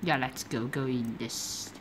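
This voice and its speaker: A woman gives casual commentary while she plays a game. She giggles often and breaks into excited exclamations. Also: very deep voice, unhurried, background noise. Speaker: gaming YouTuber.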